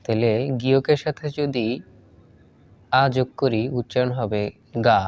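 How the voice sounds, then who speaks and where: A man who studies Korean goes through syllable drills at a middle pitch, reading each sound in a steady, list-like way. A faint hum of room noise sits under his voice. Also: unhurried, highs cut off. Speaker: Korean language student.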